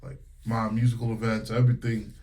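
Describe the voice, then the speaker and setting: A brisk talker with a fairly low pitch, the Connecticut singer and music teacher, in his thirties, sounds at ease in this informal interview. He's open and candid, dropping many fillers and replaying conversations in quotes.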